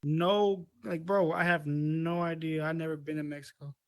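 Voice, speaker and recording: American guy just chatting, kinda high voice, lots of slang and cussing, dry sound. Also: fairly even intonation, moderate pace, no echo. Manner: slangy, profane, repetitive. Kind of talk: casual chat.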